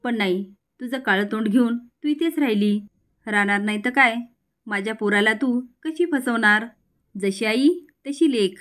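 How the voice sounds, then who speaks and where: A woman's voice: fairly high pitch, measured pace, a bit bright. A bitter middle-aged aunt, read by a woman narrator taunts and scolds in a family drama retelling. Her lines are harsh and scornful. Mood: taunting.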